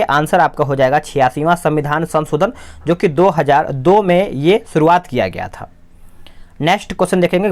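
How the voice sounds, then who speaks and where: A man working through exam practice questions as a tutor, explaining quickly and often asking a question aloud before answering it himself. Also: on the high side, a little mellow. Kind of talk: quiz answer walkthrough.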